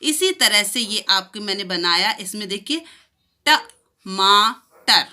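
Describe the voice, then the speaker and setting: A woman teaching a children's lesson, slowly stretching out each sound so young pupils can repeat it after her. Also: medium pitch, animated, bright, forceful tone. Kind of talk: primary school lesson.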